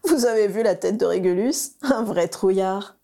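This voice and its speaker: A woman's voice: high voice, moderate pace, mellow, pitched above the performer's own voice, natural voice. A woman doing a cheeky, mocking little boy. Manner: teasing, impatient, grumbling.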